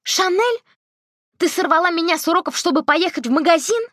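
A woman reading an audiobook voices a stubborn teenage girl protesting in exasperation, sounding alarmed. Her delivery is high, very animated, fairly quick and fairly bright, pitched above her natural voice and exaggerated. The studio-quality recording has no room sound.

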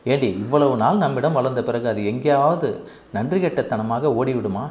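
A man's voice: medium pitch, normal speed, darkish tone, close to an everyday voice. A man voicing a proud, stubborn girl, the elder sister, in a read-aloud story, speaking in a boastful, defiant way. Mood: scolding. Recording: echoey room with faint noise.

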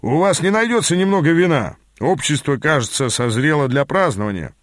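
A man doing a posh chummy troll, raised pitch. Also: animated, brisk, no room sound, studio quality, natural voice.

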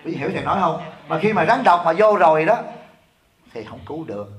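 A middle-aged man from Vietnam, an abbot giving a sermon in a lively, joking way, often asking his listeners questions. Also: fairly high pitch, fast. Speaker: abbot giving a dharma talk. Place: temple hall.

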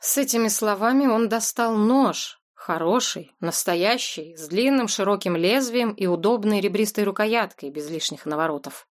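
A woman's voice: medium pitch, moderate pace, few pauses. A woman narrating an adventure audiobook expressively.

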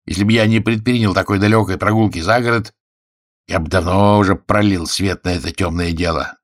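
A man's voice: low-pitched, fairly even intonation, brisk, no room sound, clean studio sound, close to an everyday voice. A man voicing a flustered, indignant middle-aged husband who sputters and insists. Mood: accusing.

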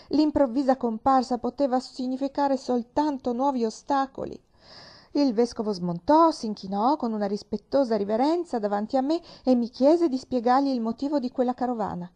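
A woman narrating a historical novel in the first person, with expressive delivery. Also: fairly high pitch. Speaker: reader. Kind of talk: dramatic reading of a novel.

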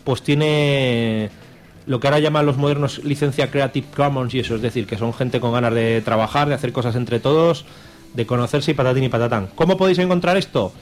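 In a radio studio, a man from Spain with a Spanish accent co-hosts a show, speaking fairly quickly in a mid-range voice. He reviews and banters in a casual, jokey, colloquial, irreverent style.

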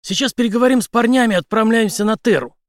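A man voicing a determined former captain who speaks forcefully to his friends. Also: sits high, fast, no echo, studio quality, voice pushed up, natural voice. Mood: resolute. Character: resolute male ex-captain, a devoted husband.

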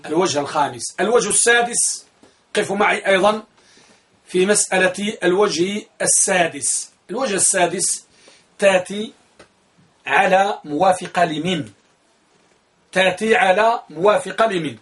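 Male grammar teacher, high-pitched, drills key phrases through repetition. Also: normal speed, pauses often, a bit bright. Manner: asks his class questions, then answers them himself; repeats key phrases for emphasis. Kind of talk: classroom grammar lesson.

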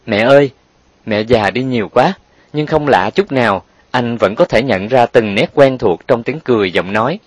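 A man's voice: medium pitch, moderate pace, no room sound, natural voice. A man reading an audiobook and voicing an emotional young son, pleading and choked with feeling. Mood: tender. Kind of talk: audiobook character voice.

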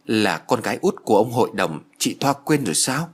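A man's voice: medium pitch, very animated, brisk, breathy edge. A man doing a blunt country young man. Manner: blunt, tactless.

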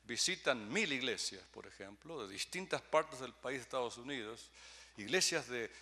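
An older man with a Rioplatense Spanish accent, preaching a discipleship sermon as a lively storyteller who swings from shouts to hushed tones. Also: medium pitch, moderate pace, long reverb tail. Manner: animated, acts out shouts and quoted voices, drops to hushed tones. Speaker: preacher teaching a discipleship class.

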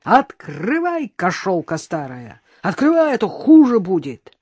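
A woman voicing a furious yelling brawler woman. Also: on the low side, wildly swooping pitch, slow pace, no echo, clean studio sound, heavily acted. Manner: yelling threats and insults. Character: furious brawling woman, foul-mouthed and stubborn.

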